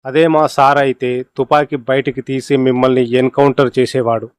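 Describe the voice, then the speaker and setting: A man's voice: medium pitch, little pitch movement, normal speed, clean tone, no room sound, studio quality, natural voice. A man voicing an irritable, mocking police constable in a storybook reading. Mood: scornful. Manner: scornful, dismissive.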